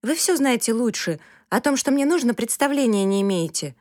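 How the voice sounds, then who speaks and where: A woman doing a sassy, high-voiced teenage girl. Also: animated, fairly quick, a little mellow, dry recording, studio quality, close to an everyday voice. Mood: pleading. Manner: high-pitched, sassy, emphatic. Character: pert, dramatic teenage girl, quick to sulk.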